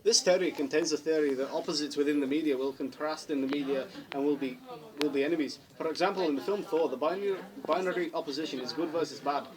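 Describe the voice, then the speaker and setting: A man's voice: fairly high pitch, fast talker. A teenage male student reads prepared answers for a school interview, often stumbling and restarting words. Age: late teens. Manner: stumbling, frequent restarts while reading. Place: busy classroom. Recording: noisy classroom with chatter behind.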